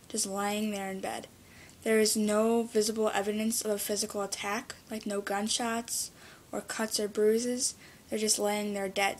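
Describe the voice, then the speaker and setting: A female student presenting a book report in a plain, steady recitation with casual fillers. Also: mid-range voice, a little hiss or hum.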